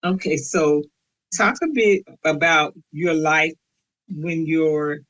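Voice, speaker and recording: A woman hosting a podcast interview, asking questions and giving soft, encouraging "mm-hmm"s. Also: sits low, slow, rough recording. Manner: warm encouraging prompts, many soft "mm-hmm"s. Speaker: podcast host.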